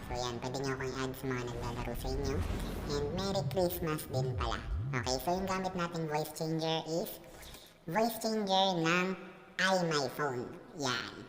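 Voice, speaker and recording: A woman's voice: low-pitched, moderate pace, roomy sound, big-room sound, a little hiss or hum. A woman with a Filipino accent hosting a gaming channel, chatting casually through a real-time voice changer. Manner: chatty, code-switching, laughs often. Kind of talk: casual gameplay commentary.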